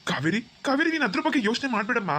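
A woman playing a gentle, devoted older brother. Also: on the high side, very animated, husky, exaggerated voice. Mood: reassuring. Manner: soothing, fatherly, quick reassurance. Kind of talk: cartoon voice acting.

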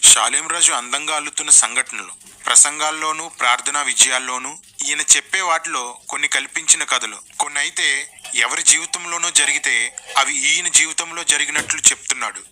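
Mocking guy doing voiceover commentary, bit high, really bright tone. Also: a little fast. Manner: sarcastic, mocking. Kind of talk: satirical voice-over commentary.

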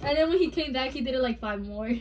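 A woman's voice: high voice, animated, fast talker, over music. A woman co-hosting a couple's vlog, chatting casually and swearing easily while eating. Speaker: vlog co-host. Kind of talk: casual couple chat over food. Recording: muffled lo-fi recording, faint hiss.

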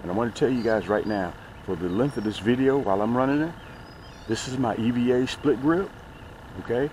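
The audio is poor in this fishing vlog, recorded by a small action camera mounted near a middle-aged host on a little boat on a lake, with outdoor noise around. His medium-pitched voice is brisk and a bit mellow, and he addresses viewers in a folksy, emphatic style, repeating phrases often.

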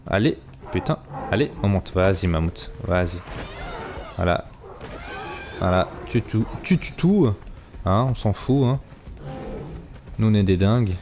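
Man, let's play commentary, low mellow voice, chatty and swearing, faint game noise behind. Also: expressive, measured pace, pauses often. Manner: chatty, swearing, talks to his animals. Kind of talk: live gameplay commentary.

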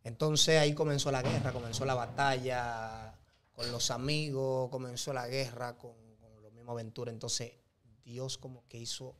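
A man's voice: mid-range voice, fairly even intonation, normal speed, a little hiss or hum. A man with a Dominican accent giving an earnest, emphatic faith testimony as an interview guest, with a preacher-like cadence. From Dominican Republic.

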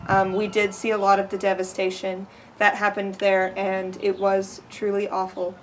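A woman's voice: mid-range voice, monotone, normal speed, slight background noise, rough recording. A woman, talking earnestly to camera in a casual farm vlog, recorded outdoors on a porch. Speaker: small farm owner and vlogger.

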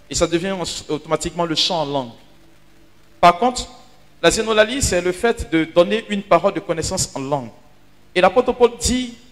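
This male priest, high in voice, delivers sermon teaching as a lively storyteller who suddenly falls to hushed, dramatic asides. The sound carries hall reverb, with faint music underneath.

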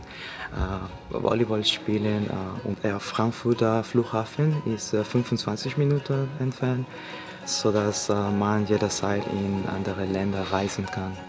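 Low-voiced young man. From El Salvador. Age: young adult. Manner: halting, many fillers. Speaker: international student. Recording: music clearly underneath.

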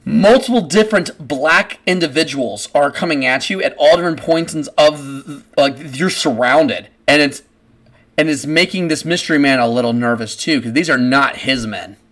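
Rambling game master narrating. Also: male voice, fairly high pitch, normal speed, a bit bright. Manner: rambling, many restarts and fillers. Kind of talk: casual tabletop game narration.

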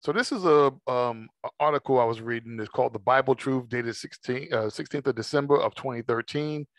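A man teaching a Bible study, reading verses slowly and then explaining them in a measured way. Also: medium pitch, dry recording. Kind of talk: scripture study talk, reading aloud.

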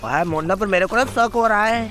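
A man voicing a calm, teasing older-brother figure in a game video. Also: high-pitched, a little fast, over music, close to an everyday voice.

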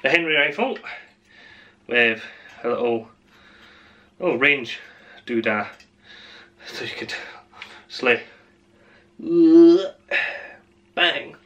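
A man's voice: mid-range voice, slow, long pauses, pushed and bright, muffled recording. A man hosting a casual unboxing vlog, rambling and chatty, often laughing at himself. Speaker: channel host.

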